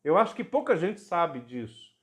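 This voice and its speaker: A man's voice: a little high, sing-song, normal speed, fairly bright tone. A middle-aged Brazilian man, a bishop, giving an earnest personal testimony on a church podcast that turns fervent when he tells of miracles. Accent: Brazilian Portuguese. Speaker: bishop, guest.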